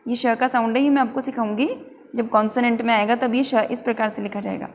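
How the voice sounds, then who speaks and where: A woman's voice: fairly high pitch, fairly even intonation, fast talker, long reverb tail, slight background noise. Patient woman teacher drilling pronunciation. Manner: patient, spells out letters and drills words for learners to repeat. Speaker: English teacher. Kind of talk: classroom lesson on pronunciation.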